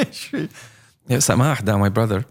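A man's voice: medium pitch, wildly swooping pitch, unhurried, gravelly. A man chatting casually and animatedly, mixing in English words and laughing often. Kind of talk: casual chat.

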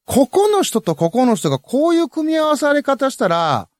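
A man's voice: very high-pitched, sing-song, moderate pace, no room sound, studio quality. A man with a Kansai accent in casual podcast banter, griping emphatically for comic effect as a co-host. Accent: Kansai Japanese.

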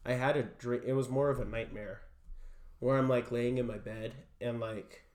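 A young man being interviewed, telling a personal story in a halting way full of fillers. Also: mid-range voice, steady tone, a little mellow. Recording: roomy echo.

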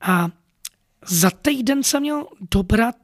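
A man's voice: extremely high pitch, expressive, no echo, clean studio sound. A man telling a personal story in an earnest, rambling way, full of fillers. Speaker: podcast storyteller.

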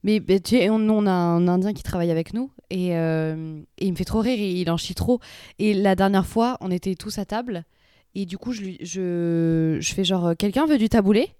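A young woman chatting casually with a friend, telling lively slangy stories about her coworkers. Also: on the low side, moderate pace, clear, resonant tone, dry recording, clean studio sound. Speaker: office worker. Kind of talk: casual chat between friends.

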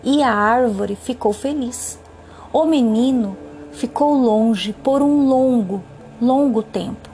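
A woman reading a children's story aloud in calm, measured narration, then commenting on it. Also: fairly high pitch, slight background noise.

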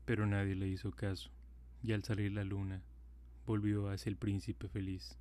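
A man narrating a fairy tale in a calm, even storybook delivery. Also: lowish voice, moderate pace.

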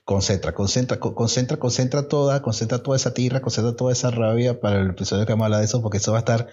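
A Venezuelan man co-hosting a podcast, playful and animated in casual chat. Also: medium pitch, very fast, breathy edge, lo-fi sound. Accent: Venezuelan Spanish. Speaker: podcast co-host.

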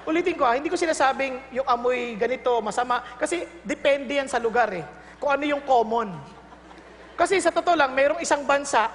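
A woman with a Filipino accent preaching a sermon, joking, laughing and acting out little scenes. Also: sits high. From Philippines. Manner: humorous, laughing, acts out quoted dialogue. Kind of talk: sermon in Tagalog and English. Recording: long reverb, faint ambient noise.

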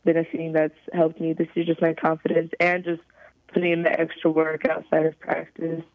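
A young woman from California, a college softball player, giving halting, thoughtful interview answers over a phone call. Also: low-pitched, monotone, no room sound. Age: young adult. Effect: heard over a phone call. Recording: tinny, dry phone line.

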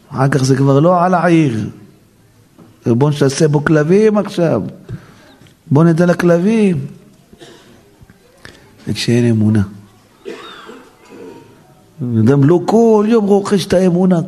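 A man's voice: a little high, dark tone. A man, a rabbi, giving a dramatic sermon and acting out the figures he quotes.

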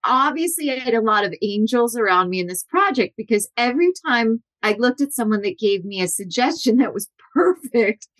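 A woman in her forties, a guest in an interview, telling lively anecdotes and acting out the people she quotes. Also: on the high side, normal speed, hardly any pauses. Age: 40s. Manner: animated, acts out quotes with shifting voices. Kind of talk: storytelling interview.

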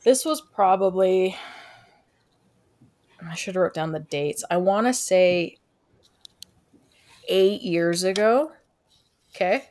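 A woman's voice: fairly low pitch, takes it slowly, long pauses, a little mellow. A woman guesting on a podcast, telling anecdotes in a slangy, dramatic, casual way.

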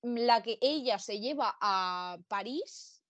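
High-voiced young woman, dry close sound. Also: expressive, takes it slowly, a bit bright, no room sound. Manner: rambling storyteller, full of fillers and slang. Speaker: podcast co-host. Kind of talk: casual chat. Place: remote, her own room.

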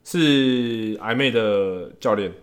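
A man's voice: fairly low pitch, slow. A man co-hosting a casual chat with joking, teasing banter. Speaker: co-host.

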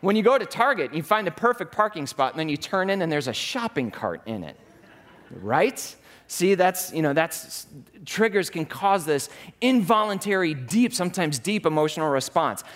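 A man's voice: on the high side, big pitch swings, moderate pace, fairly bright tone. A man in his thirties giving a conversational, enthusiastic sermon as a pastor.

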